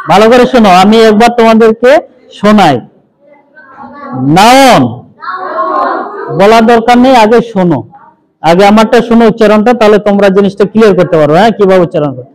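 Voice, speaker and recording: A man's voice: high-pitched, a little mellow, poor audio. A male English teacher with a Bangladeshi Bengali accent drilling a class in pronunciation and scolding the students. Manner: scolding, drills pronunciation, repeats terms slowly. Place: school classroom.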